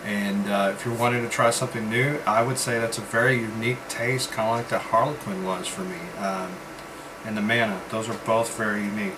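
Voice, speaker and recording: A man giving a casual vlog-style product review, rambling and halting, pausing often as he goes. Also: fairly low pitch. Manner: rambling, halting delivery with pauses as he tastes. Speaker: vape reviewer. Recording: steady background hum, like air conditioning.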